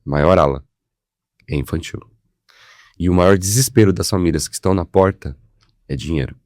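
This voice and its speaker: A man with a very deep voice speaks as a podcast guest. He builds a persuasive story and voices both sides of a conversation. The studio sound is dry and close. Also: normal speed, darkish tone, no echo. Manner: persuasive storytelling with acted-out dialogue.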